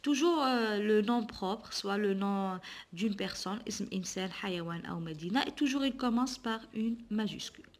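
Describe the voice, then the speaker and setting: Slow, patient teacher woman. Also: mid-range voice. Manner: slow and patient, sounding out syllables. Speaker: primary school teacher. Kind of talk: reading lesson for young children.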